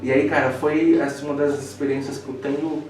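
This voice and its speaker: A man's voice: fairly high pitch, little pitch movement, brisk. Man, preacher, storytelling, very echoey, distant mic. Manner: storytelling, emotional, laughing at himself. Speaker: preacher guest. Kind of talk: casual chat. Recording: echoey room from far off, faint music.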